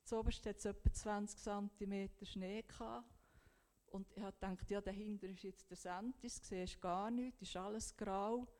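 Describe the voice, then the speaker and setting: Swiss German woman, mellow testimony voice. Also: medium pitch, fairly even intonation, normal speed. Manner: earnest, heartfelt retelling with quoted prayers. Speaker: guest sharing a faith testimony. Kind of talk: personal testimony storytelling.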